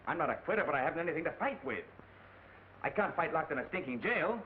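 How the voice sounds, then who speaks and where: A man's voice: on the high side, expressive, fast talker, close to an everyday voice. An actor playing a hot-headed, desperate young accused man, in 1940s crime film style. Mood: desperate, bitter. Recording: tinny, hissy old film soundtrack.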